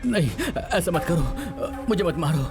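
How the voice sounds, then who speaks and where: A panicked captive who begs for his life in a high voice that swings wildly up and down. Film score plays clearly behind him. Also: lively intonation, measured pace, music in the background. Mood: pleading. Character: terrified male captive begging for his life. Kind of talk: Hindi film dub.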